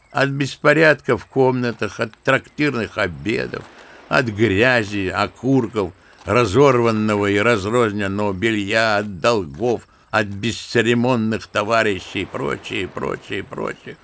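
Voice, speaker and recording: An older man, an actor, plays a bitter, chatty old grandfather in an audio drama based on a literary story. His lowish voice is creaky yet fairly bright in tone, and he narrates theatrically, relishing each word.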